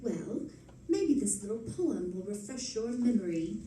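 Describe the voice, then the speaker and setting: Woman acting a mellow, teasing radio-play society wife. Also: medium pitch, very animated, a little slow, a little hiss or hum. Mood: playful teasing. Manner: teasing, arch delivery. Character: Nora Charles, witty, playful, affectionate society wife. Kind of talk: live recreation of 1940s radio acting. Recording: roomy stage recording from a distance.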